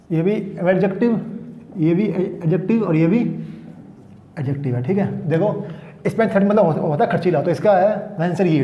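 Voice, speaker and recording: A man's voice: high voice, echoey room, big-room sound, dull audio. A man with an Indian accent teaching English vocabulary in a casual classroom way, with lots of fillers and restarts. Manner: casual explaining, frequent "ठीक है" fillers and restarts. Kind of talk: classroom lesson explaining words.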